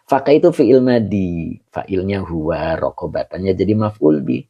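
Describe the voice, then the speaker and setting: A man's voice: low voice, lively intonation, measured pace, dull audio. A man teaching a live online Quran class, chatty, greeting viewers by name and chuckling often.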